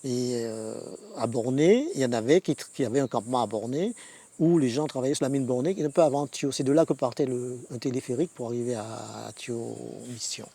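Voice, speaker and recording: A man's voice: mid-range voice, a little fast, mellow. A man giving spoken testimony in a hesitant way, repeating words as he goes. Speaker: interviewee.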